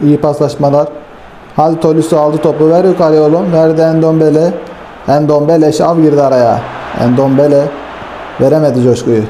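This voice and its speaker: A man giving casual, excitable commentary over a football video game, talking straight to his viewers and swinging from hype to frustrated grumbling. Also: a little high, a little hiss or hum. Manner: talks straight to viewers as friends. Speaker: gaming YouTuber.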